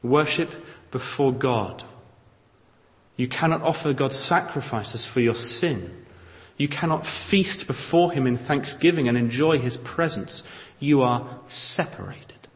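Male preacher, measured and emphatic, unhurried, recorded in a reverberant hall. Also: medium pitch. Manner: measured, emphatic, dramatic scripture reading. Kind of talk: expository sermon. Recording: long reverb of a large hall.

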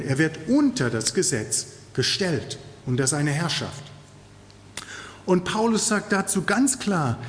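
A man's voice: a little high, long reverb tail. A man preaching a sermon in an earnest, emphatic way, stressing key words.

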